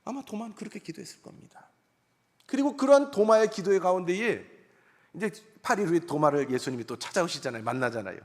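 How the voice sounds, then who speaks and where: A man's voice: sits high, animated, fast. A male pastor preaching a sermon in an earnest, conversational way, voicing people's inner thoughts as he goes. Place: church sanctuary. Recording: long church hall reverb.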